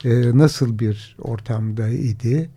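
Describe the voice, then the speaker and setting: A man co-hosting a radio talk show in a studio, asking the guest thoughtful questions with pauses and hesitations. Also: medium pitch, warm tone.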